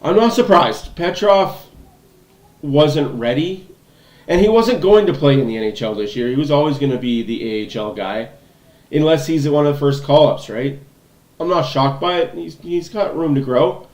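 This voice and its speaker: A man's voice: on the high side, moderate pace, darkish tone. A man hosting a livestream, giving blunt, opinionated fan commentary over a hockey game. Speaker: livestream host. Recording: echoey room.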